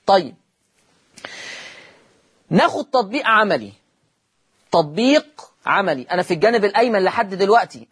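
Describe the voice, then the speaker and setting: A man with an Egyptian accent teaches the rules of Quran reading. He explains step by step, asks the class questions, and recites the examples slowly and drawn out. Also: high voice, husky. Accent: Egyptian Arabic.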